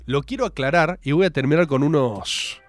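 A man's voice: on the high side, moderate pace. A young man with a Rioplatense accent hosting a show, ranting sarcastically in a monologue. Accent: Rioplatense Spanish. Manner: sarcastic, animated, mocking voices. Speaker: host.

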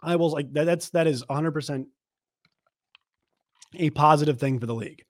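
A man hosting a sports show, giving emphatic commentary to viewers in a slightly hoarse voice and repeating his points. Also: on the high side, normal speed, no room sound.

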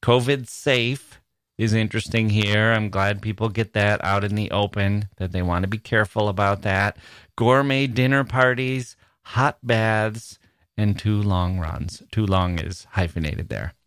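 A man's voice: on the low side, steady tone, a little slow, fairly bright tone, clear, resonant tone, dry recording, clean studio sound. A man hosting a podcast, giving wry, amused commentary as he reads out personal ads and muses aloud in rhetorical questions. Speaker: podcast host. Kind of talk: humorous solo commentary reading out personal ads.

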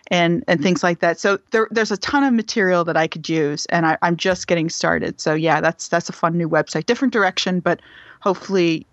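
Female interview guest, conversational, lower register, lo-fi audio. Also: no room sound. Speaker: interview guest, science writer. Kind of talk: casual interview chat.

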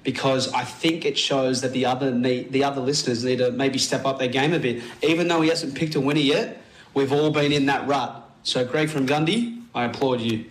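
A man's voice: medium pitch, steady tone, a little fast. An Australian man co-hosting a radio show from his living room over Bluetooth earbuds. He chats casually and earnestly, often restarting his phrases, and his voice comes through muffled as if underwater. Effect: Bluetooth earbud mic, sounds underwater. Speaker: radio co-host. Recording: echoey, muffled earbud line with faint noise.

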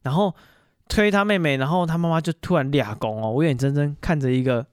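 A man hosting a podcast, casually telling stories alone and pausing on fillers as he goes. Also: a little high, clear, resonant tone, dry recording, clean studio sound. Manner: chatty, animated retelling full of fillers. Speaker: podcast host. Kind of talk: casual solo storytelling monologue.

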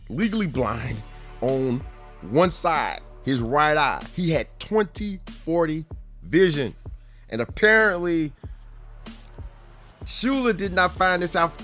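A podcast host with a fairly high, somewhat bright voice tells sports stories casually and conversationally, rambling a bit and throwing in amused asides.

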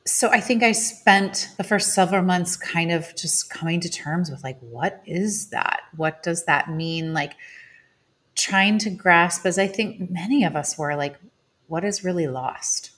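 Appearing as a podcast guest in a relaxed interview, a woman in her thirties who acts on stage speaks at a measured pace in a lowish, slightly bright voice with a breathy edge. She searches thoughtfully for her words, with plenty of fillers.

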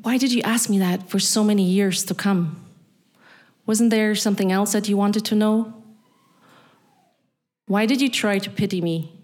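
A middle-aged woman from East Berlin with a German accent, speaking a deliberate spoken-word monologue addressed straight to the listener. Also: mid-range voice, steady tone, darkish tone.

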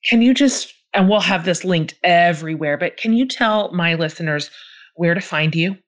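A woman's voice: on the low side, normal speed. A woman hosting a podcast interview, affirming and thanking her guest. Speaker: podcast host.

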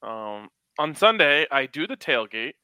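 A man's voice: fairly high pitch, big pitch swings, unhurried, sharp tone, clean tone, dry recording, rough recording. A man hosting a sports podcast, chatting casually and jokingly about betting.

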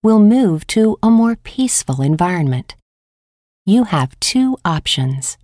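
A woman guiding a relaxation meditation with slow, calm, soothing instructions. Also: medium pitch, dry recording, studio quality. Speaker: meditation guide. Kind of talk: scripted guided meditation.

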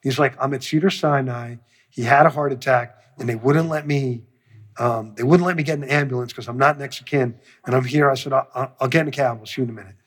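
Husky-voiced man telling a story, swearing. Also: medium pitch, fast. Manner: profane, animated storyteller who acts out quotes. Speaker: music producer. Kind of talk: storytelling interview.

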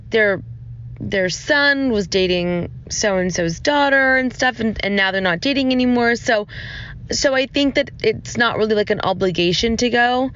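A woman's voice: on the high side, fairly bright tone. A woman hosting a podcast in casual, rambling chat, recorded on her phone's voice recorder. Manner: rambling, chatty, many fillers. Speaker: podcast host. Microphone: phone voice recorder app. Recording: dull lo-fi phone voice memo with faint noise.

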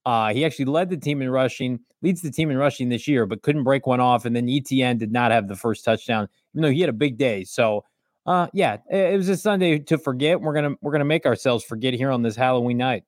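A man co-hosting a sports betting show, wry and easygoing, with many filler pauses as he recaps his bets. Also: mid-range voice, no echo, studio quality. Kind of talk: casual sports betting chat.

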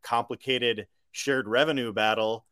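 An American man, a journalist being interviewed, giving conversational political analysis in a measured, explanatory way. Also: medium pitch, fairly even intonation, a bit bright, smooth, no room sound. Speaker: independent journalist, interview guest.

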